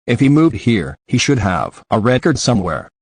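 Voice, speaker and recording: A man reading the part of a gruff, commanding male spy chief in a storybook reading. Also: mid-range voice, sing-song, normal speed, dry recording. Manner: gruff, teasing.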